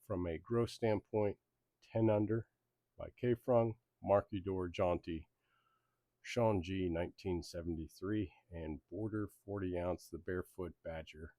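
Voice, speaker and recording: Low-voiced man hosting a league recap. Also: steady tone, measured pace, darkish tone, no echo. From Belgium and Germany. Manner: easygoing, rambling, many ums. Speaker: league host. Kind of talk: casual sports league recap.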